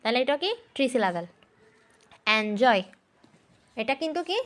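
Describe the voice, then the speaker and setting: In a grammar lesson, a female teacher spells out words one letter at a time, poses questions and then answers them herself, and slowly reads English sentences aloud before explaining them. Her voice is pitched high and very animated.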